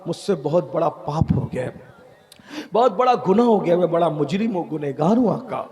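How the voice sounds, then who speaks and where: A guilt-ridden young man pleads through his confession , voiced by a male preacher. He repeats his words in a high voice. He begs for forgiveness. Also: animated, darkish tone, natural voice. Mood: pleading.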